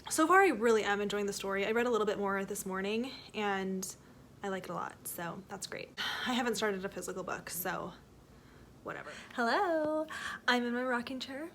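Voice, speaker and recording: A young Canadian woman, a book vlogger with a Canadian accent, chats casually about reading from a rocking chair at home. Her mid-range voice is animated and a bit bright, moving at a moderate pace, and she rambles with lots of fillers and self-corrections. There's a little hiss or hum on the recording.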